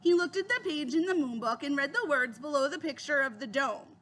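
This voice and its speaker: A woman reading a children's chapter book aloud, giving the children's lines a higher voice. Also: lively intonation, brisk, a bit bright. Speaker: reader.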